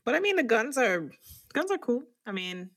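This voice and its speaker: A woman's voice: fairly high pitch, big pitch swings, moderate pace, no room sound. A woman co-hosting a casual gaming podcast, chatty and a bit trailing. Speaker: podcast co-host.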